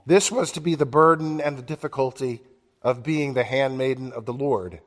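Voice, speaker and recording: Preaching man in a reverberant church. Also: mid-range voice. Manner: earnest, measured preaching with slowed emphasis and quoted scripture. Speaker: pastor. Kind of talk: sermon.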